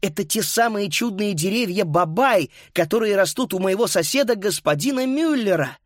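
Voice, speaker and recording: A man voicing an eager, hurried schoolboy who leads his class through a dark corridor. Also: high voice, no room sound, studio quality, voice pushed up. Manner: hurried, excited.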